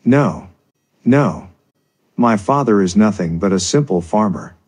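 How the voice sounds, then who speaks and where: A loyal young peasant woman who pleads in desperation, as a male narrator puts her on. The voice has a husky, breathy edge. This is a storybook reading. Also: fairly low pitch, expressive, a little slow, darkish tone. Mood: pleading.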